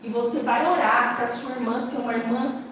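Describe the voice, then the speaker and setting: A woman missionary giving a sermon with personal testimony, telling the story and acting out her daughters' words in a higher voice, then building to loud proclamation. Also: steady tone, moderate pace, crowd noise. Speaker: missionary preacher. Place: church hall. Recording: echoey hall from far off, faint noise.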